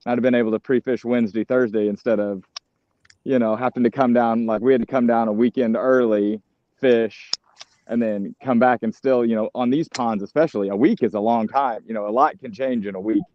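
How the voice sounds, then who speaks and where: A man's voice: medium pitch, fairly even intonation, fairly quick. A man calling in from out on a lake over a video call that sometimes cuts out, talking in a loose, rambling way with lots of fillers. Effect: heard over a video call that cuts out. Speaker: tournament angler calling in. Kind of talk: casual chat. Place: out on a lake, at the back of the water. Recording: dull lo-fi call audio.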